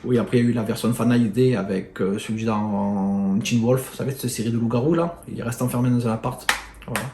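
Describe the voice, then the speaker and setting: A man with a Marseille accent, chatting casually to camera about his bargain finds, excitable and rambling with lots of fillers and mild swearing. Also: medium pitch, brisk. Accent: Marseille French. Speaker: video host showing flea-market finds. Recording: echoey room with faint noise.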